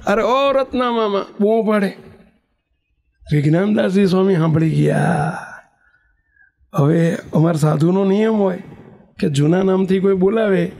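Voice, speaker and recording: A man's voice: high-pitched, creaky. A man telling a story in a sermon, acting out the characters' calls. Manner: animated storyteller, acts out shouting characters. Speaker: preacher.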